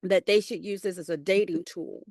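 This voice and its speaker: A woman's voice: medium pitch, steady tone, moderate pace, a little mellow, no echo, clean studio sound. A woman hosting a casual podcast interview, laid-back and teasing. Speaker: podcast host.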